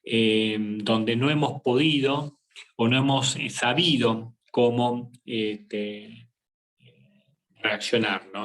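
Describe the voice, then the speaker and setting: A man, a psychologist giving a reflective faith talk, speaking slowly with many pauses and fillers. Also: medium pitch, fairly bright tone. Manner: slow and halting, many fillers and tag questions. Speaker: psychologist leading a faith workshop. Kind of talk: reflective talk with a scripture reading.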